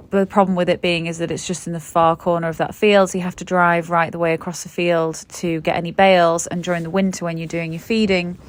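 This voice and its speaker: A woman's voice: lowish voice, slight background noise. Woman farmer explaining in voice-over. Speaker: farmer and vlogger. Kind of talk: voice-over narration.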